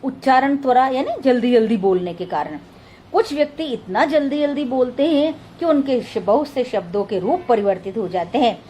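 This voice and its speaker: A woman teaching a lesson in a steady, explanatory lecture style, slowing down to spell out word examples. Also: high-pitched, slight background noise. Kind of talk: lecture read from notes.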